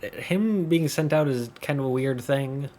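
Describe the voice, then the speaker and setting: A man's voice: mid-range voice, unhurried, dark tone, slight background noise. Chatty man narrating his gameplay. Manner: chatty, joking asides. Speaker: gameplay commentator. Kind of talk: casual gameplay commentary.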